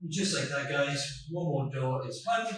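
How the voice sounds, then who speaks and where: With medium pitch, lively intonation, and a fairly bright tone, a man talks in an unhurried way while narrating his renovation work. A builder and carpenter by trade, he keeps it casual and practical, explaining each step of the DIY job as he goes. The phone in his hand records an echoey, bare bungalow room indoors with faint noise.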